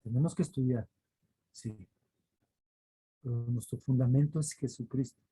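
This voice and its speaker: A man's voice: medium pitch, steady tone, moderate pace, mellow, slightly rough, poor audio. A man preaching a weekly devotional, earnest and repetitive for emphasis, sometimes acting out quoted voices. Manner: earnest, repeats phrases for emphasis. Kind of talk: devotional teaching.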